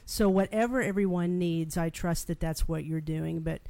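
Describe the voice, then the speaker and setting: A woman's voice: lowish voice, normal speed, gravelly, dark tone. A woman hosting a casual livestream, speaking in an informal, reassuring way. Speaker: host.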